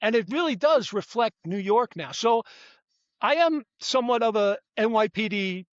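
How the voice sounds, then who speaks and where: A man's voice: high voice, expressive, normal speed, no echo, highs cut off. An older man, a retired police detective, talking as an interview guest in a rambling, self-correcting way. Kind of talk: conversational interview.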